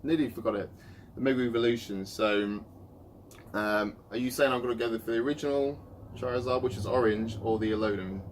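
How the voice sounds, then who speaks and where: A man's voice: medium pitch, brisk. Young male host, chatty and meandering, faint noise on the track. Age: 20s. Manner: chatty, rambling with fillers. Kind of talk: casual chat. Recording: light background noise.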